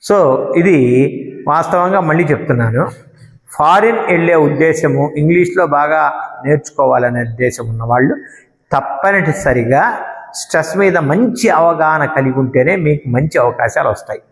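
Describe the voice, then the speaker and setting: A middle-aged man with a Telugu accent, giving a classroom lecture and stretching out example words slowly as he explains. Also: a little high, expressive. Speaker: English teacher. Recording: echoey room with long reverb.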